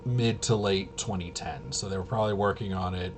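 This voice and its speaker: A tabletop game reviewer and presenter with a low voice talks briskly in a fairly even intonation. His walkthrough of a game is casual and unscripted, hesitant and rambling, and he often trails off and corrects himself. Noisy room ambience is clearly audible.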